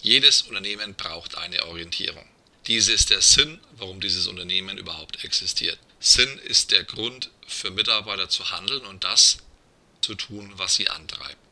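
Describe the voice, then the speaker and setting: A man reading a scripted business lesson in a measured, explanatory way. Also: low-pitched, bright, forceful tone. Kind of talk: scripted narration.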